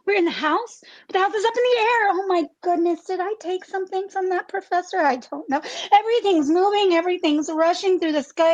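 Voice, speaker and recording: In a comedic radio play, a very high, girlish voice plays an anxious, wide-eyed farm girl. She sounds earnest and breathless, halting as she stumbles and repeats her phrases. The recording comes across dull and muffled.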